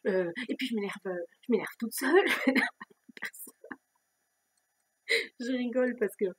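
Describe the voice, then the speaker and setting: A woman vlogger telling a personal story in a chatty, self-mocking way, laughing often and dropping into soft whispered asides. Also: fairly high pitch, moderate pace, husky. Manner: restless, repeating questions and restarting phrases. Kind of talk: casual personal storytelling to camera.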